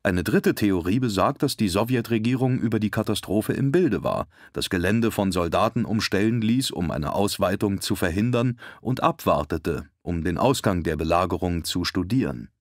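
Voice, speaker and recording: Hörbuchsprecher, männlich, sehr tiefe Stimme, gemessener dokumentarischer Vortrag. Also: male voice, deep voice, animated, normal speed, few pauses, no echo, studio quality. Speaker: audiobook narrator. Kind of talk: scripted documentary-style narration.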